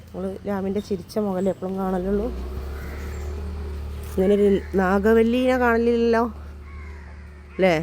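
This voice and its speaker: A woman with a Malayali accent, chatting casually in a family vlog and teasing her child, her voice rough from a lasting cold. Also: medium pitch, steady tone, unhurried, pauses often, darkish tone, slight background noise. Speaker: vlogger, mother. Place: outdoors.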